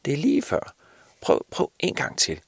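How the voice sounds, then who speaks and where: Storybook Santa, old and kindly, encouraging coach, booming and husky, put on by a man. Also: huge pitch swings, no echo, full character voice.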